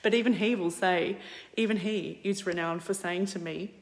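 A woman's voice: medium pitch, steady tone, moderate pace, long reverb tail, noisy background. An Australian woman business coach talking frankly in a casual live video, rambling, repeating herself and dropping to whispers, from a phone held at arm's length.

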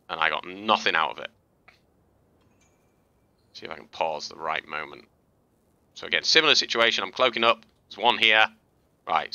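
A man with a low voice and a hard, forceful edge to it talks through gameplay clips in a relaxed, chatty way. He explains as he goes, with plenty of fillers and restarts. The sound is dry and close, with no room around him. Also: dry recording, highs cut off. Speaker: gaming video host. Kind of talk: casual gameplay commentary and tutorial.

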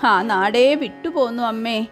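A man's voice: very high voice, lively intonation, normal speed, soft background music. Woman reading as a sly servant man, tearfully pleading. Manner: pleading, plaintive. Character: sly middle-aged male servant feigning tearful grief.

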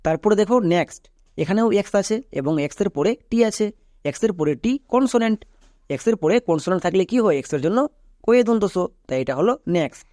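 A man teaching English pronunciation, explaining rules step by step and checking with quick questions. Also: high-pitched, animated, warm tone, no echo, clean studio sound. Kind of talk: explanatory lesson, addressing viewers directly.

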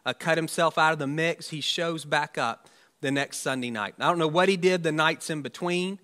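Bright-voiced man preaching conversationally. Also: fairly high pitch, moderate pace. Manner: conversational, wry asides, many restarts. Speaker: pastor. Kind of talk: sermon. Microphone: church livestream mic.

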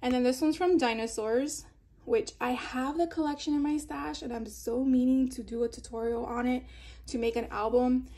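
Seated indoors at a table, a Florida craft vlogger shows off supplies in a casual haul show-and-tell, chatty and dotted with fillers and little laughs. Her high voice is mellow and steady in tone, at a moderate pace.

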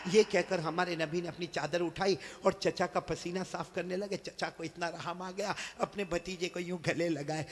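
A man preacher telling a story at a live religious gathering, swinging from hushed narration to shouted exhortation and calling on the crowd to answer. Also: sits high, steady tone, normal speed, hardly any pauses, big-room sound, slight background noise. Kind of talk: dramatic storytelling sermon.

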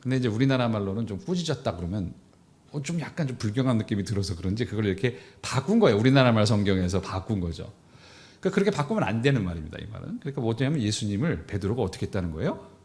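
A man's voice: lowish voice, sing-song, racing, a little mellow. A man preaching a sermon as pastor, in a conversational way that acts out quoted dialogue.

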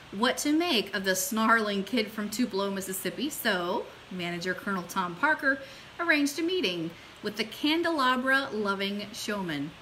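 A middle-aged woman hosts an online radio show from a small room at home or in an office, chatty, informal and enthusiastic, partly reading aloud. Her voice is mid-range, and the poor audio carries a steady background hiss.

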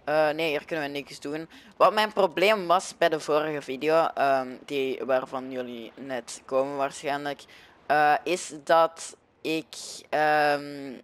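A man's voice: a little high, steady tone, slow pace, fairly bright tone, smooth. A young man with a Flemish accent giving casual, hesitant commentary over a video game, often searching for his words. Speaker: gaming video host.

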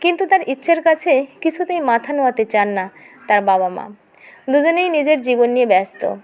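Reading a scripted dramatic tale as narrator, a woman uses a high-pitched voice and an expressive, emotional style.

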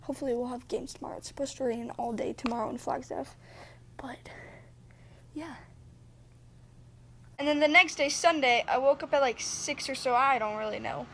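A woman's voice: high voice, normal speed, vocal fry, long pauses, fairly bright tone, a little hiss or hum. A young woman vlogging casually about her trip, chatty and giggly, filmed on a phone at arm's length in a hotel room and a car. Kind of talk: casual travel vlog. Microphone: phone held at arm's length.

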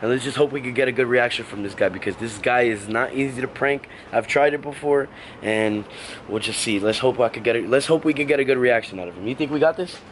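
A man's voice: medium pitch, quick pace, background noise. A young man vlogging casually by a backyard pool, rambling and repeating himself with lots of fillers. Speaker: prank vlogger. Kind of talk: casual vlog talk. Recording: loud music playing over the voice. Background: music.

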